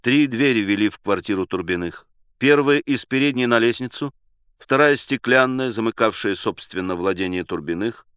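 A man reading a novel aloud as an audiobook, acting out the characters' lines with changes in pitch and loudness. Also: expressive, normal speed, clean tone, no room sound, studio quality. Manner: shifts pitch and loudness to act out characters' cries. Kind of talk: audiobook narration with acted dialogue.

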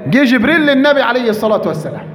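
An Egyptian man delivers a sermon in a strikingly high voice. He is emphatic, repeats his key phrases and drags them out for weight. His words ring out with a long reverb tail. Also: sing-song, racing. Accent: Egyptian Arabic. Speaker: preacher.

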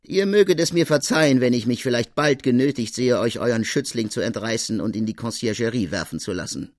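A man's voice: mid-range voice, brisk, no echo, clean studio sound, natural voice. A man voicing a stern, suspicious court president who speaks in a cold, insinuating way. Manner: cold, insinuating, with a venomous smile.

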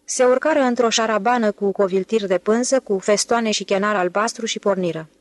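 A woman's voice: mid-range voice, no echo. Woman narrating an audiobook, dry sound. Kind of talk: scripted narration.

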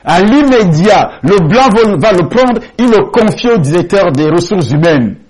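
A male pastor with a husky, slightly breathy voice pitched high for a man. He preaches in an emphatic storytelling way, driving points home by repeating key phrases, in what sounds like a large church hall. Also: expressive, measured pace, darkish tone. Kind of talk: sermon with testimony.

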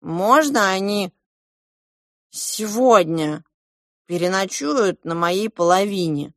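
A woman doing a spoiled young boy prince, bossy, excitable, raised voice, storybook. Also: mid-range voice, takes it slowly, no room sound, clean studio sound.

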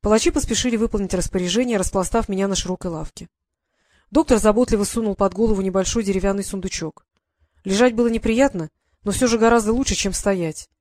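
An audiobook narrator reading a first-person historical story in a calm, measured way. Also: medium pitch, dry recording, clean studio sound. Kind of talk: scripted narration.

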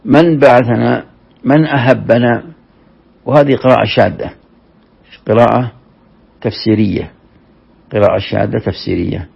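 A gravelly, husky man gives a measured classroom lesson, explaining scripture verse by verse and often restarting a phrase. The recording is dull and lo-fi, like an old lecture tape. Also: mid-range voice, fairly even intonation. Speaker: Quran commentary teacher.

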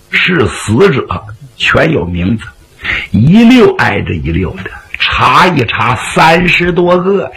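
Male storyteller, dramatic traditional narration, slow and gravelly. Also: fairly high pitch, pushed and bright, low-quality recording. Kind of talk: traditional Chinese pingshu storytelling.

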